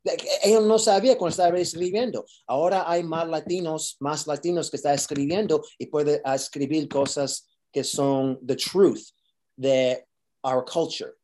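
Bilingual man with a dark, mellow voice. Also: a little high, steady tone. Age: adult. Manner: mixes Spanish with English phrases; halting, searches for Spanish words. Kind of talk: casual interview talk.

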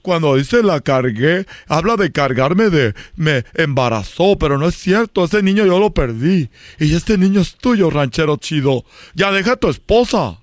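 Hombre haciendo voces agudas y cambiantes. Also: male voice, fairly high pitch, animated, moderate pace, dry recording, clean studio sound. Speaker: radio comedy parody performer. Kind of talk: comic parody sketch.

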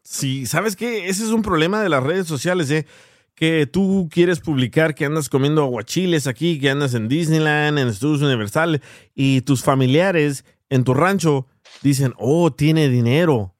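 A man chatting casually as co-host, giving relaxed, joking commentary. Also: on the high side, normal speed, dry recording, studio quality. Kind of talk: casual chat.

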